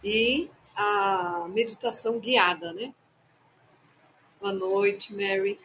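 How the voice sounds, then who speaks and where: A playful woman chats casually on her live stream, welcoming viewers by name. She takes her time, speaking slowly and easily, while a faint hum sits behind her voice. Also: mid-range voice, a bit bright, rough recording. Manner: playful, chatty, greets viewers one by one. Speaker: live-stream host and tarot reader.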